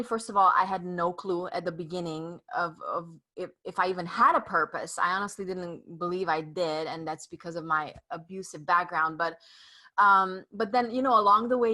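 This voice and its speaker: A woman's voice: lowish voice, sharp tone. A woman from Romania, a native Hungarian speaker, talking as a guest in a casual interview and telling her story earnestly with many fillers. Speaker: podcast guest, author.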